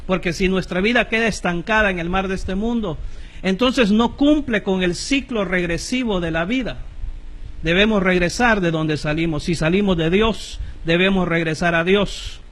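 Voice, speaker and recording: A man with a Honduran Spanish accent preaching a sermon, measured and repetitive, correcting himself aloud as he goes. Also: high-pitched, a bit bright.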